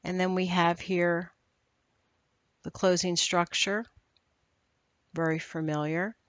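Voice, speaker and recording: A woman trainer walking through a screen-recorded software tutorial in a steady, instructional way. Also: fairly low pitch, slow pace, dry recording.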